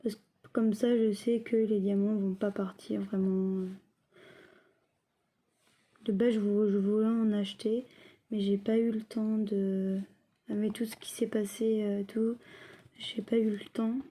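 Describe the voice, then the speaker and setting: Woman, mellow soft-edged tone, slow pace, hesitant halting phrasing, casual craft vlog review. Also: mid-range voice, flat delivery. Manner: hesitant, halting delivery with trailing, unfinished phrases. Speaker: craft video creator.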